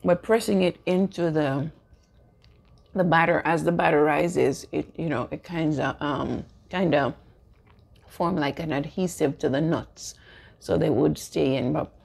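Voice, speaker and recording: A low-voiced woman with a gravelly, husky tone talks through a home baking vlog. She rambles with plenty of fillers and sometimes speaks through a mouthful. Her voice stays low and rough throughout. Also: unhurried, darkish tone. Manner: chatty, many fillers, turns to earnest preaching. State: talking while eating. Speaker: vlogger.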